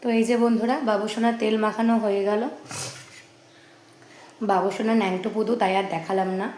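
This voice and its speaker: A woman with a hoarse voice chatting casually in a home vlog, often stopping to talk to her baby. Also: medium pitch, fairly even intonation, brisk, a little mellow, echoey room, slight background noise. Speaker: vlogger.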